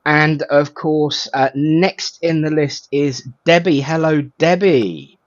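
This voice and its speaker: A man's voice: a little high, slow pace, no room sound, highs cut off. A man with a southern English Estuary accent, hosting an online service in an informal, colloquial, jokey way as he welcomes people. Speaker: host of an online spiritual service. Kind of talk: informal welcoming of guests and viewers.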